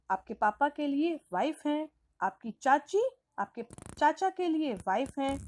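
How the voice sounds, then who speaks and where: A woman's voice: high-pitched, a little mellow, dry recording, studio quality. A woman teacher with an Indian English accent, mixing Hindi and English in a lesson for young children and spelling words out letter by letter. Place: school recording.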